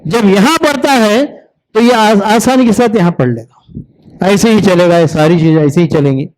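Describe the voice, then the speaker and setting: A man teaching other teachers to read Arabic script, drawing out each syllable in slow repetition drills between plain explanations. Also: high-pitched, darkish tone, low-quality recording. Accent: Indian Urdu-Hindi speaker. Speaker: Arabic reading teacher training instructors. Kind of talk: classroom lesson.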